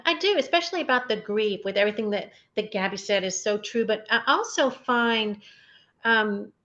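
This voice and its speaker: Slightly muffled woman hospice nurse. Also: medium pitch. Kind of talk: panel discussion, conversational advice. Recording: slightly dull, muffled audio.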